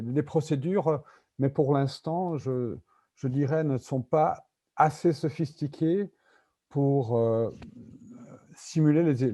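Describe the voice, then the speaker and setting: Warm in tone and pitched on the higher side, this voice belongs to a British medical simulation executive invited to speak at a conference. A native English speaker, he delivers his talk in French with a British accent, hesitating as he gropes for words.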